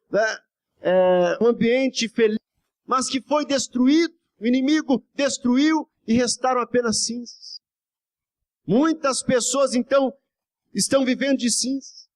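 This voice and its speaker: A man, a pastor, preaching a fervent evening sermon in church, exhorting the congregation and often calling out to the brothers and asking for amens. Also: very high voice. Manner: constantly addresses "brothers" and asks for amens. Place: church service before a congregation.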